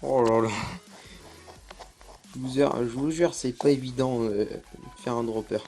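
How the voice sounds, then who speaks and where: A man's voice: medium pitch, steady tone, unhurried, warm tone, soft background music. A young man giving casual gameplay commentary, hesitant and full of fillers. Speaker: gaming YouTuber.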